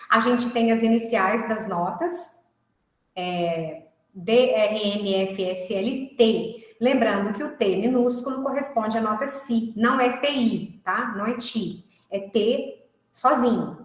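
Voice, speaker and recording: Woman music teacher, slightly high voice, explanatory with tag-question check-ins, heavy room echo. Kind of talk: recorded online class. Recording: very echoey room.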